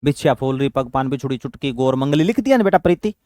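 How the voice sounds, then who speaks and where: A man's voice: mid-range voice, expressive, quick pace, darkish tone, no echo. A man teaching an exam-prep class in a chatty, affectionate way, repeating terms so students memorize them. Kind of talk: online exam-prep lecture.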